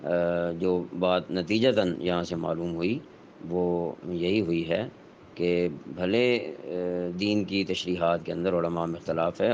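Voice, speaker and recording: Deep male religious teacher, measured lecture with many filler pauses, dull lo-fi recording with light hiss. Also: a little mellow. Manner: measured explanatory delivery with frequent hesitation fillers. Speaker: Islamic teacher. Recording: dull lo-fi sound with faint noise.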